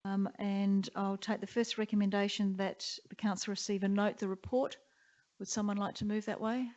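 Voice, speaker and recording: A woman chairing a council meeting, running through motions and votes in a brisk, procedural way. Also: mid-range voice, flat delivery, a little mellow. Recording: dull muffled council chamber audio.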